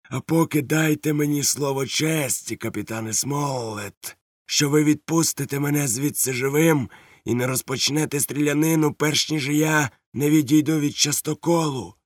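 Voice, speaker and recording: A man voicing a cunning, jovial older male pirate chief who talks in a smooth, mock-polite way, read as an audiobook. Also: a little high, fairly even intonation, normal speed, no echo, studio quality, pitched above the performer's own voice, close to an everyday voice. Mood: wheedling.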